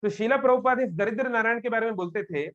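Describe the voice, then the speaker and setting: A man's voice: extremely high pitch, fast, lo-fi sound. A man giving a live devotional talk to young people, telling a scripture story and acting out the characters' lines. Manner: animated, acts out characters' quotes. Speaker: devotional speaker. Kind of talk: storytelling sermon to youth. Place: live session with audience.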